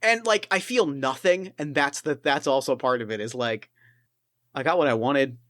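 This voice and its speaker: Running a casual tabletop game, a man narrates in a smooth, resonant voice of medium pitch that comes across a bit bright. He moves at a moderate pace but rambles, restarting often and leaning on fillers. There's no echo; the sound is dry and close.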